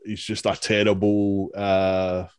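Low-voiced hesitant Scottish man. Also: level tone, slow, smooth, dry recording, clean studio sound. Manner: hesitant, many ums and uhs. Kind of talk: casual chat.

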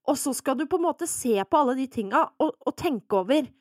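This is a young woman co-hosting a podcast with a fairly high voice. She talks in a chatty, frank, self-mocking way. Her voice sounds close and dry. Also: expressive, no room sound. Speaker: podcast co-host. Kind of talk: casual podcast chat.

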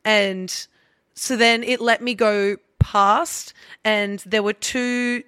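A woman with a bright, forceful voice chats on a podcast, telling a story in an animated, rambling way and full of ums and restarts. She is recorded on a close, dry mic with no room sound. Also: mid-range voice, takes it slowly, clean tone, no room sound. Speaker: podcast guest. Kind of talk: casual chat.

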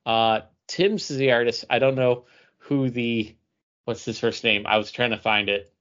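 Talking through reviews in a relaxed way, a male podcast co-host frequently stops to search for the right word. He speaks in a mid-range, slightly bright voice with a steady tone and moderate pace, captured in dull lo-fi sound.

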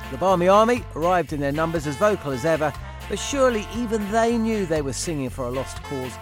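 A man reading a scripted narration for a cricket highlights recap. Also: animated, fairly quick. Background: music bed.

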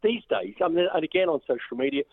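Older guy ranting on a phone-in, up and down pitch, stop-start, tinny phone. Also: lively intonation, fast talker, creaky. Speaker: radio phone-in caller, retired police officer. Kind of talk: opinionated phone-in talk.

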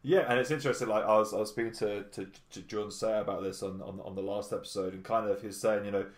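A man with a slightly low voice hosts a casual podcast. He rambles in a blunt, sweary way and slips into quoting imagined conversations. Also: steady tone, fast, echoey room. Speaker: podcast host.

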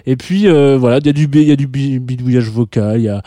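Dark-voiced rambling radio host, man. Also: mid-range voice, quick pace, no echo, studio quality. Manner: rambling, many fillers and restarts. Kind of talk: late-night radio music chat.

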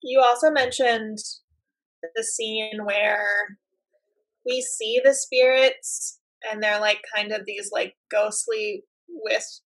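A woman's voice: medium pitch, fairly bright tone, low-quality recording. A woman co-hosting a casual chat, musing her way through her thoughts with frequent fillers. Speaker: podcast co-host. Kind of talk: casual chat about a TV episode.

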